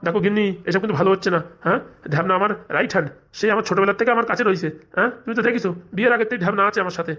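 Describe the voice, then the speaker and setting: A woman voicing a blustering middle-aged male politician husband in a comedy cartoon, shouting demands at his wife. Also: mid-range voice, rapid-fire, few pauses, close to an everyday voice. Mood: demanding.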